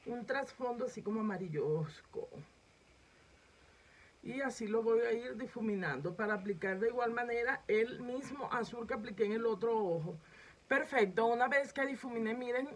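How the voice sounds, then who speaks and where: A woman's voice: fairly high pitch, breathy edge, low-quality recording. A woman makeup vlogger demonstrating a makeup tutorial, chatting directly to her viewers as she films herself at home. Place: home setup filming herself.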